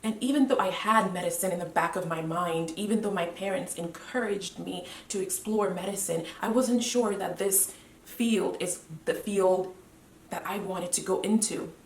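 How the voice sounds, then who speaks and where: A woman in her twenties from Cameroon, a medical student giving a measured, earnest motivational speech with deliberate pauses. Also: fairly low pitch, far from the mic, a little hiss or hum. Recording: roomy echo, voice away from the mic.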